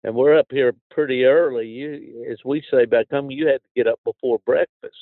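A man's voice: medium pitch, fairly even intonation, normal speed, dry recording, phone-quality sound. An older man hosts a casual outdoors podcast in a folksy, plain-spoken way. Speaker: podcast host.

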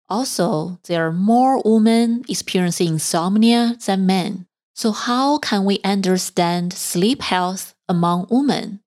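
A woman hosting a sleep podcast, introducing her guest in a clear, measured way. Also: mid-range voice, darkish tone. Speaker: podcast host and sleep therapist. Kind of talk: scripted intro then interview.

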